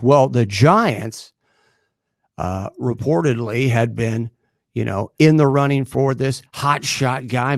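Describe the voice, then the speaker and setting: A middle-aged man hosts a sports talk show from a close studio mic, in a gravelly, slightly creaky voice at an ordinary pitch. He talks in a sarcastic, animated way and chuckles as he goes. The sound is dry and close. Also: no room sound. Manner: sarcastic, animated, laughs while talking.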